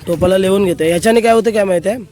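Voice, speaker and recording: A man's voice: high-pitched, rapid-fire, noisy background. Chatty Konkani-accented young man outdoors. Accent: Konkani Marathi. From Konkan, Maharashtra. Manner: chatty, bossy, gives instructions to friends. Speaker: vlogger host. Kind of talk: casual vlog chat. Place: outdoors on a rural plateau under a banyan tree.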